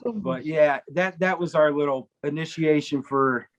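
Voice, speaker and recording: Guest storyteller, male, high-pitched, animated and profane, acts out the characters in his anecdotes. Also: unhurried. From Cleveland area. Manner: animated, swears freely, acts out voices in anecdotes. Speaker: guest drummer. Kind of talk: casual storytelling chat.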